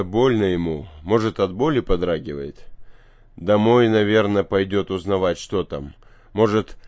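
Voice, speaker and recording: Male narrator, low voice, dry close audiobook read. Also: a little mellow, no room sound. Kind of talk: scripted narration.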